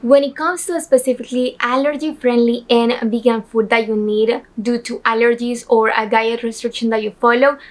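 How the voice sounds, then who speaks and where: A woman's voice: fairly high pitch, fairly even intonation, moderate pace, hardly any pauses. Upbeat woman hosting a travel vlog. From El Salvador. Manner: upbeat, chatty, direct to camera. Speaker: vlog host. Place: indoor room on a couch. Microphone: camera in front of her; handheld phone at arm's length while walking.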